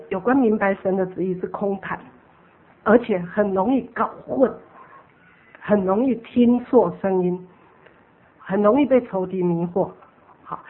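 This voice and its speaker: A woman's voice: medium pitch, husky. A woman teaching a church Bible class, explaining points and quizzing the group. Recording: tinny phone-like sound.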